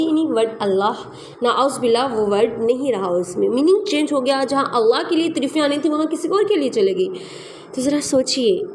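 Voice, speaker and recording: A woman teaching a recitation class online, explaining patiently and repeating sounds and examples slowly. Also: high voice. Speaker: tajweed teacher.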